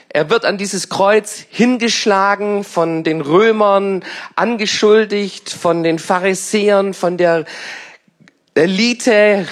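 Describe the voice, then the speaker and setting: A man in his fifties preaching a sermon as a pastor, hoarse with a scratchy smoker's rasp, deliberate and emphatic with pauses and repeated phrases. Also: high voice. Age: 50s. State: hoarse from a lingering irritated throat. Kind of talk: sermon to a congregation.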